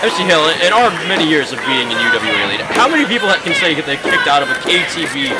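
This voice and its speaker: A man's voice: fairly high pitch, sing-song, quick pace, over loud music. A man giving live wrestling commentary, reacting to the action as it unfolds. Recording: noisy live venue with loud crowd. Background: loud crowd.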